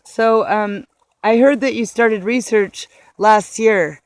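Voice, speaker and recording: High-voiced man asking deadpan questions. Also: slow pace, no echo. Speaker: interviewer. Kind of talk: mock-documentary interview.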